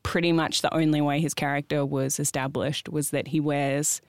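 A woman's voice: deep voice, level tone, normal speed, no room sound, clean studio sound. A woman co-hosting a casual film-review podcast, arguing mock-serious points with a wry, teasing manner. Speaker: podcast co-host.

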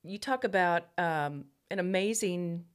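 A woman's voice: lowish voice, unhurried, clean tone. A woman co-hosting a casual podcast, chatting and agreeing with her partner. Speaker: podcast co-host. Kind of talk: casual chat.

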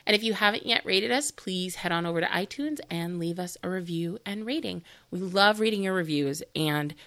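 A woman's voice: lowish voice, moderate pace, fairly bright tone. Scratchy-voiced woman podcast co-host. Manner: chatty, teasing, self-deprecating. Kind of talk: casual podcast chat.

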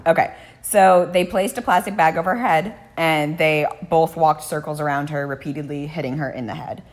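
Woman podcast host, deep voice, blunt casual true crime storyteller. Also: steady tone, moderate pace. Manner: casual, blunt, swears often.

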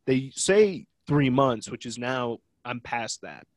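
Nasal and stuffed up from a cold, a young Ohio man co-hosting a podcast talks slowly but animatedly in a medium-pitched voice, drifting through loose, jokey conversation. The recording is dry.

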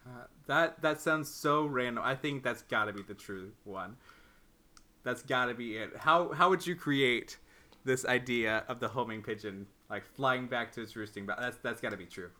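A man's voice: mid-range voice, normal speed, pushed and bright. A man co-hosting a casual podcast, playful and teasing, laughing often as he quizzes his brothers. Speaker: podcast co-host. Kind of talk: casual chat.

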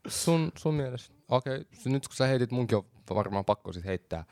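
A young man co-hosting a podcast in casual chat, animated and slangy, dropping English phrases. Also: medium pitch, no echo. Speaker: podcast co-host.

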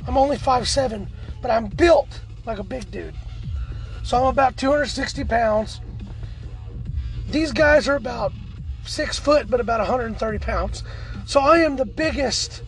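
A man co-hosts a podcast with a voice that is nearly gone, hoarse and cracking. It sits unusually high and is full of gravelly creak. He chats casually and agreeably, with music behind him. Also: normal speed, long pauses, low-quality recording. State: hoarse, lost his voice. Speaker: podcast co-host. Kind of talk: casual chat.

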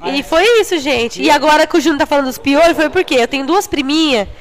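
A young woman telling funny stories in a casual chat with friends, talking loud and animated, laughing as she goes. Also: high voice, quick pace. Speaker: storyteller in a group chat.

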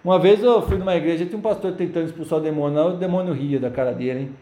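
A man's voice: fairly high pitch, racing, warm tone, echoey room. A man preaching a sermon and telling his own story, acting out the voices of demons and people. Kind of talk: sermon testimony.

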